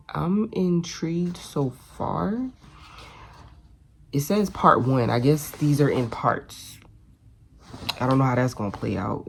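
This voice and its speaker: Very deep-voiced, candid chatty woman. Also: gravelly, darkish tone, slight background noise. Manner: candid and chatty, swears freely, addresses viewers directly. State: tired. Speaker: reading vlogger, mother. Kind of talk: casual chat to camera. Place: bedroom at home.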